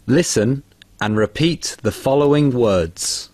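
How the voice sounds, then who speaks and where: A man's voice: mid-range voice, lively intonation, slow, darkish tone, no echo. A man reading scripted instructions that announce a pronunciation drill. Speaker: recorded exercise announcer.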